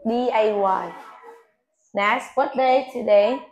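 A woman English teacher with a Vietnamese accent, giving an oral speaking test in a classroom with brisk short prompts and corrections. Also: a little high, dull audio, a little hiss or hum. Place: classroom, off camera.

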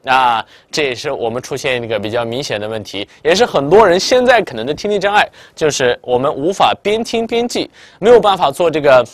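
A male English tutor teaches with a bouncy, animated voice that swings up and down. He talks at a brisk clip and speaks Mandarin with a Chinese accent. The sound is close and dry, with no room echo. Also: fairly high pitch. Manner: lively, chatty teacher, quizzing the viewer with "明白了吗". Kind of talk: online English listening lesson.

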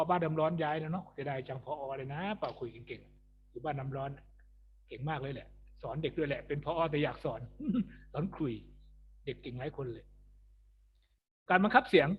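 A male music teacher talks through a lesson in a chatty, joking way, often laughing at his own jokes. His voice is husky and sits fairly high. The recording sounds muffled and lo-fi. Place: alone in an empty school building.

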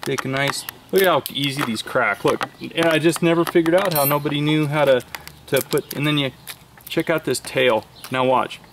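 A man casually demonstrating how to shell crayfish, talking quickly and animatedly as he explains each step. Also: a little high, background noise.

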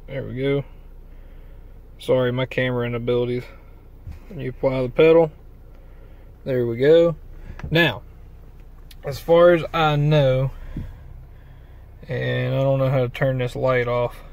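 The speaker has a medium-pitched, slightly mellow, creaky voice with a flat, unhurried delivery and long pauses. As a truck-accessory vlogger, he casually shows off a part he installed, rambling with fillers in a folksy manner while filming on a handheld phone in the truck and next to a trailer.

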